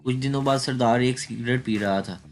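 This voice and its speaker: A man's voice: medium pitch, fairly quick. A man, telling short jokes in a plain storytelling voice. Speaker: joke narrator. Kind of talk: scripted joke narration. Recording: faint music behind.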